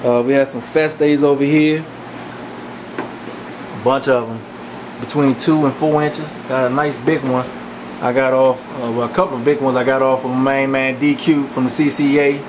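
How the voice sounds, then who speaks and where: A fish breeder gives a relaxed, rambling walk-through of his home aquarium room, using lots of fillers. His mid-range voice moves at a moderate pace, and the camcorder audio picks up the hum of running fans.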